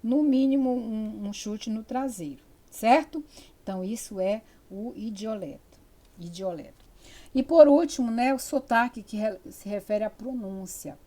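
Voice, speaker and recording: An older woman with a Brazilian Amazonas accent gives a university lecture. Her voice sits somewhat high, and her delivery is conversational and digressive, with frequent fillers and restarted phrases. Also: moderate pace, mellow. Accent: Amazonas interior Brazilian Portuguese. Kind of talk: spoken lecture.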